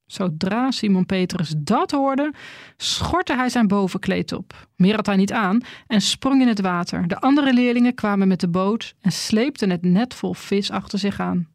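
A woman preacher delivers a sermon in a measured, deliberate voice. She reads scripture aloud and then addresses her listeners directly. Her voice is mid-pitched and the sound is dry and close, with almost no room echo. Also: expressive.

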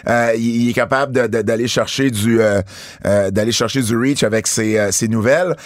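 A man's voice: mid-range voice, steady tone, moderate pace, no room sound, studio quality. Man co-hosting a podcast. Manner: talkative, many fillers and restarts. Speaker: podcast co-host. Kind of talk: casual podcast chat.

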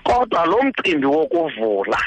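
A man's voice: a little high, wildly swooping pitch, normal speed, slight background noise. A man with a Xhosa accent, explaining traditional custom as a guest expert on talk radio.

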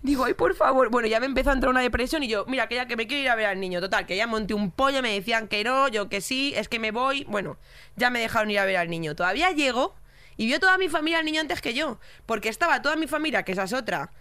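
Fast, bright-voiced Madrid woman storyteller. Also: on the high side, animated. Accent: Madrid Spanish. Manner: swearing, laughing, acting out quotes. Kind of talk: casual chat, animated storytelling.

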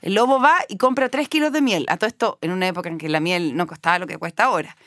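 A woman's voice: fairly low pitch, fast, a bit bright, no room sound, clean studio sound. A young woman with a Chilean accent hosting a podcast, retelling a fairy tale with irreverent, swearing asides. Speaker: podcast host. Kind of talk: comic storytelling chat.

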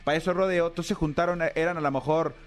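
High-voiced Mexican man, joking co-host. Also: steady tone, quick pace, faint music behind. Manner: rambling, joking commentary. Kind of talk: casual radio chat.

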